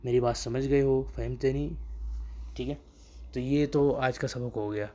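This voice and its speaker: Man slowly drilling short Arabic phrases. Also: mid-range voice, fairly even intonation, dark tone. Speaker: Arabic teacher. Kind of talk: casual spoken language lesson.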